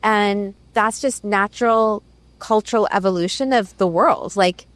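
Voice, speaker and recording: A woman's voice: medium pitch, unhurried, no echo. A woman host raised in the Middle East, musing thoughtfully in conversation with many "right"s and "like"s. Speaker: podcast host. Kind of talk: reflective conversation.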